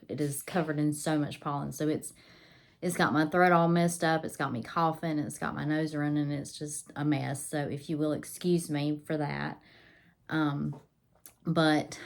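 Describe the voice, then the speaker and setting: Talking casually to the camera about homeschooling, this woman has a low, slightly mellow voice that pollen has left a little scratchy and nasal. She chats along with plenty of ums and restarts.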